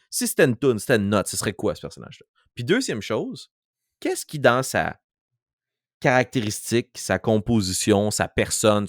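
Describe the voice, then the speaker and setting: A game master with a Quebec French accent chats casually on a podcast, demonstrating voices as he explains things. His fairly low-pitched, slightly bright voice is recorded dry with clean studio sound.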